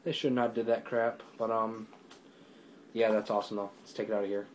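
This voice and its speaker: A young man in casual, rambling chat, excitably showing off discs he ordered, with lots of fillers. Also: fairly low pitch, fairly quick, a little hiss or hum, low-quality recording. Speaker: YouTuber reviewing discs.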